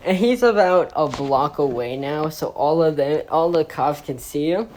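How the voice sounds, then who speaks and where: A woman's voice: low voice, normal speed, a little mellow, a little hiss or hum. A woman telling a casual comic story, rambling and profane with many fillers and restarts.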